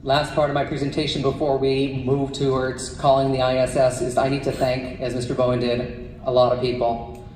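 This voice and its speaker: A man addresses an assembly of students as a live presenter. His pitch stays fairly even, and his voice comes from some distance in a big echoey hall with faint noise. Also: normal speed. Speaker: school event presenter.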